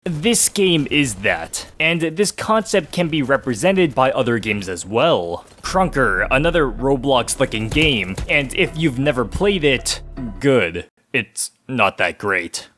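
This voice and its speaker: A man's voice: medium pitch, big pitch swings, takes it slowly, a bit bright. A young man giving a casual scripted game review in a wry, slangy, joking way. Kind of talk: scripted video essay narration, casual. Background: background music.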